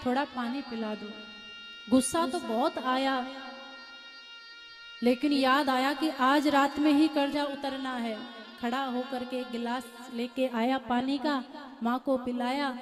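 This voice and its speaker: A woman preacher with a high voice tells a devotional story at an unhurried pace, taking on the voices of the people in it. She speaks in a long-echoing hall, with music playing behind her. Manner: acts out the voices of mother and son, rising loud in anger. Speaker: spiritual preacher.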